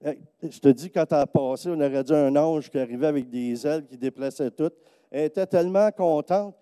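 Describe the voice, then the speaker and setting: In a church, a man with a Quebec French accent gives a sermon testimony, telling stories with lively energy and voicing the people he quotes in a higher pitch. His delivery is a little fast, and the recording is clean with no echo.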